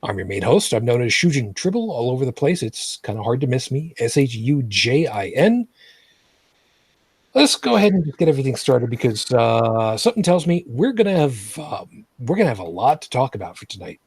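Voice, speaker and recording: A man's voice: mid-range voice, very animated, brisk, a little mellow, breathy edge, no echo. A man hosting a live vlogcast, chatting casually with co-hosts, rambling with lots of fillers and restarts, often sarcastic. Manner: rambling, filler-heavy, repeats and restarts phrases. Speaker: main host.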